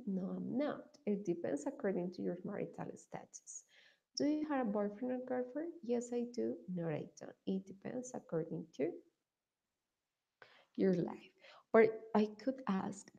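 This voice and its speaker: Woman, English teacher, thirties, gravelly, very mellow, measured examples. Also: mid-range voice, lo-fi sound. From Colombia. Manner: switches between English and Spanish, slow modelled example answers. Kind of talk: bilingual online language lesson.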